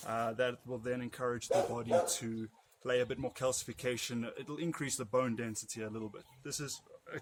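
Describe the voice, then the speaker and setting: Man instructing over loud background noise. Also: mid-range voice, fairly even intonation, fairly quick. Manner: practical, loose and unscripted, with fillers. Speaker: martial arts instructor. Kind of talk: demonstrating and explaining training.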